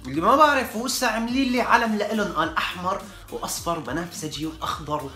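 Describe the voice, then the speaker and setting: A man's voice: high-pitched, very fast, pushed and bright, far from the mic. A man with a Syrian accent in a joking, mock-exasperated comedic rant. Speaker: comedy vlogger. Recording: echoey room, off-mic, faint music.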